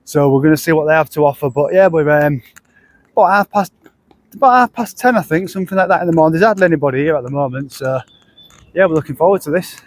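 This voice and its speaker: A man's voice: a little high, fast, low-quality recording. A man narrating a casual travel vlog outdoors. He talks chattily into a handheld camera, rambling with restarts. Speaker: travel vlogger. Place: outdoors at a car park and riverside path.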